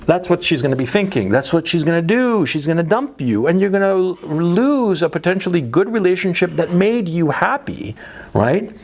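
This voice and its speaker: A middle-aged male dating coach whose first language is Spanish lectures in a rambling monologue, hammering points home by repetition and rhetorical questions. His voice sits somewhat high for a man, with a gravelly, creaky edge and a very animated pitch. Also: moderate pace. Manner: rhetorical questions, frequent "right?" and "okay?" tag checks; repeats himself for emphasis. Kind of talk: monologue giving dating advice.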